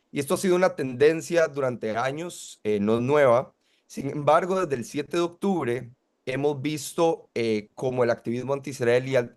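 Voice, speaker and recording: A young man from Rica speaks. He answers interview questions as an activist guest. His delivery is measured and articulate, with a mid-pitched voice. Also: a little mellow. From Costa Rica. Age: 20s. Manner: articulate, measured, argues point by point.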